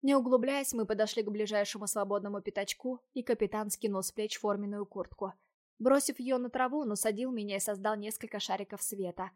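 Woman reading a fantasy audiobook in first person, even and expressive storytelling. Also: mid-range voice, a little fast. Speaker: audiobook narrator.

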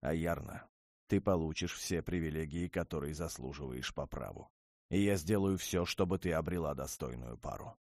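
A man voicing a commanding male dragon lord in an audiobook, speaking in a low, measured, restrained way. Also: a little mellow, no echo, studio quality. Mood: cold.

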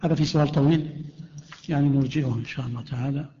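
Brief: male sheikh, quick, mellow voice, reads questions and answers firmly. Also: medium pitch, steady tone. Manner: reads out questions, then answers in short firm statements. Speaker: sheikh teaching a creed class. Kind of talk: lecture answering written questions. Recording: echoey lo-fi hall recording.

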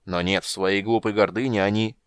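A proud, hot-tempered dwarf king growls and snaps in a dry, close audiobook read, a man doing the voice. His voice sits very low and gruff. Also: brisk, dry recording, close to an everyday voice. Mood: angry. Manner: gruff, bursts into shouting.

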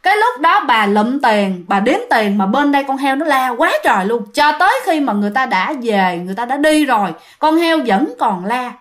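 A woman's voice: high voice, very animated, normal speed, hardly any pauses. A woman narrating a ghost story in a chatty way, speaking directly to her listeners.

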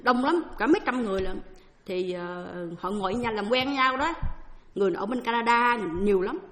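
A Buddhist nun with a Southern Vietnamese accent tells a dharma talk as a personal story, her voice pitched a little high. She is chatty and acts out what others said, now and then slipping in English phrases. Her voice carries through an echoey hall with a long, lingering reverb. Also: brisk, a bit bright.

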